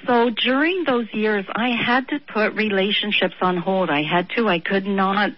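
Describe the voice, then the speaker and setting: A woman in her early sixties calling in to a radio show, talking earnestly and haltingly. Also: medium pitch, highs cut off, a little hiss or hum. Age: 60s. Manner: earnest, halting, laughs easily. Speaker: caller. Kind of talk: call-in radio chat.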